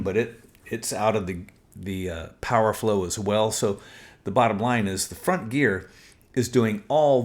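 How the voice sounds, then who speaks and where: A middle-aged man explaining a technical topic step by step as an instructor, methodical, with frequent fillers. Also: mid-range voice. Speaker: transmission instructor. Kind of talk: technical walkthrough lesson.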